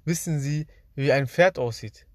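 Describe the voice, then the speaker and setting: A man's voice: fairly high pitch, measured pace, no room sound, natural voice. A man doing a polite phone survey lady. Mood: questioning.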